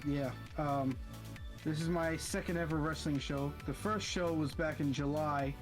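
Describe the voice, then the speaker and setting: A young man chats over a voice call in a fairly high voice. He rambles and trips over his words, restarting his sentences as he goes. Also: fairly even intonation, measured pace, soft background music. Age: young adult. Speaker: college student guest. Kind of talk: casual chat over a voice call.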